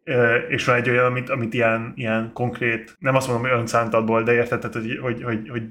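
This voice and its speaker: Male, mid-pitched, halting conversational delivery with repeated words. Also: flat delivery, a bit bright. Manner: halting, repeats words while searching for phrasing. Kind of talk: casual conversation with English phrases mixed in.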